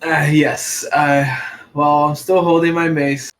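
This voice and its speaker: A man's voice: on the high side, level tone, slow pace, fairly bright tone. A man playing in a tabletop game, making blunt, dry remarks. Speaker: player.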